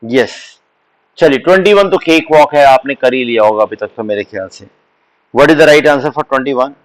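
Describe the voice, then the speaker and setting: On poor audio, a man with a mid-range voice leads a live online exam-prep lesson. He blends Hindi with English, addresses students as beta, and takes his explanations slowly and carefully.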